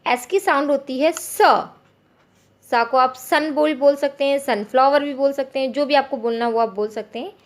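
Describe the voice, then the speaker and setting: A woman with an Indian accent teaching phonics to parents, repeating each letter sound slowly and clearly. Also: high voice.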